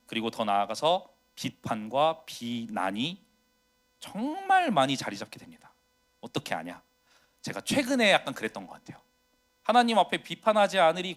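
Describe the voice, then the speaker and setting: A man in his thirties, a pastor preaching a confessional sermon, swinging from loud to hushed. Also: on the high side.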